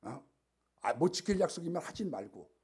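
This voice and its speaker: A stern old storybook king lectures his daughter in a firm, fatherly tone, as a man puts him on. The voice is husky and lively, and it lands on its points with weight. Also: on the high side, normal speed, full character voice. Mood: scolding. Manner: scolding, fatherly.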